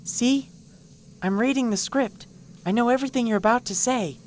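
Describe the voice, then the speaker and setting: A woman voicing a hyper, secretive young female party pony who talks in bouncy, rapid bursts, in a fan-made cartoon parody. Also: a little high, darkish tone, natural voice. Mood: knowing.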